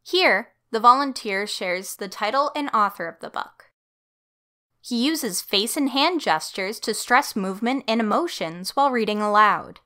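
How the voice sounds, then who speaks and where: A woman's voice: on the high side, lively intonation, a little slow, bright, forceful tone. A woman giving scripted instructional narration for a training video.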